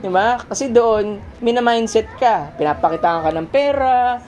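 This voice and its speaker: A man's voice: sits high, normal speed, a little mellow, a little hiss or hum. Chatty man preaching a sermon. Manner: conversational, keeps saying "mga kapatid" and "diba?"; chuckles through his own stories. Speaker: pastor.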